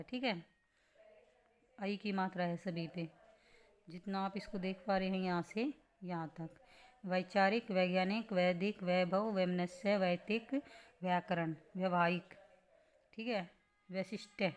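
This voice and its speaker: Speaking at a measured pace with fairly even intonation, a woman with a medium-pitched voice walks exam students through correct spelling in a grammar lesson. She explains patiently, one step at a time, and asks rhetorical questions as she goes.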